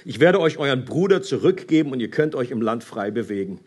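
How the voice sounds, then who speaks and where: A man's voice: mid-range voice, expressive, brisk, a little mellow, slightly rough. A man reading as a stern ruler. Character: stern Egyptian ruler, cautious and commanding.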